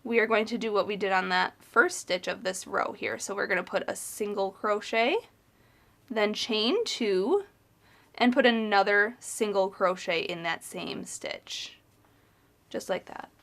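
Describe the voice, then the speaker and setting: A young adult woman teaching crochet, calmly walking through each stitch and counting them aloud. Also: medium pitch, unhurried, gravelly. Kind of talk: step-by-step tutorial instruction.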